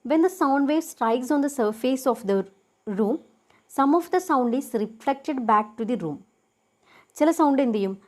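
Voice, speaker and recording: A young woman teaching a lesson. She poses questions and answers them herself, and reads English definitions out slowly. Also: high voice, expressive. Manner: asks and answers her own questions. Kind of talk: lecture explaining a topic.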